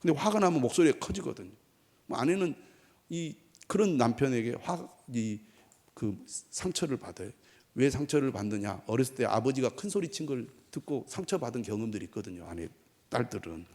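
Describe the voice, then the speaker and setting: A man's voice: medium pitch, lively intonation, fairly quick, darkish tone. A man preaching a Sunday sermon in a conversational way, leading the congregation in repeating phrases. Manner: conversational preaching, acts out quoted lines. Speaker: pastor. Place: church sanctuary. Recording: church hall reverb.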